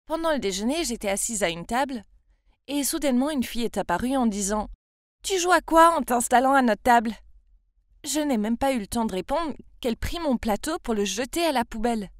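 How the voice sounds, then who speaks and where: A young woman from France narrates her own story in a confiding, chatty tone. Her voice sits fairly high and sounds close and dry, with no room around it. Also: lively intonation, fairly quick, darkish tone, dry recording. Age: 20s. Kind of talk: scripted first-person story narration.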